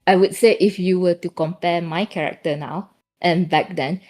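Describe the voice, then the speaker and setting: A woman's voice: fairly low pitch, steady tone, normal speed, a little mellow, faint music behind. A woman talking casually as a podcast guest, rambling and restarting her sentences.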